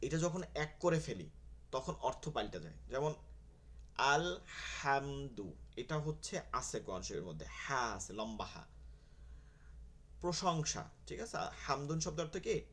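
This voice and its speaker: A man's voice: mid-range voice, sing-song, moderate pace. Patient man teaching Quran letters. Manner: patient, repeats letters and asks "okay?" often. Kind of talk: online Quran pronunciation class.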